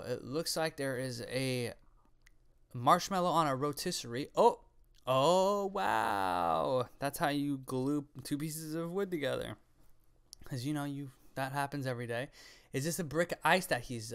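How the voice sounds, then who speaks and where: Slangy, sweary and playfully sarcastic, this twenty-something reaction video creator talks off the cuff into a close studio microphone on an arm, with a headset on. His voice is mid-range, slightly bright and creaky.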